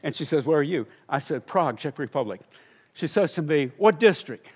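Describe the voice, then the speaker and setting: A man's voice: fairly high pitch, animated, a little fast, slightly rough. An older man, a missionary preacher, telling a story in a sermon and building to fervent exclamations.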